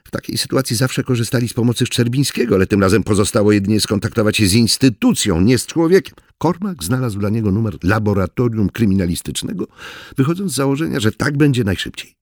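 A man's voice: on the low side, lively intonation, fast talker, darkish tone, no room sound, clean studio sound. A man reading a thriller aloud as a scripted narration and voicing each character himself. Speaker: audiobook narrator.

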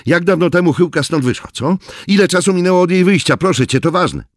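A desperate young lawyer, played by a male narrator who pushes his lines out urgently and swears under pressure. The voice is husky and sits higher and more strained than the narration. The sound is dry and close. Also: expressive, a little fast, dry recording. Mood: pleading. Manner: urgent, cursing, pleading.

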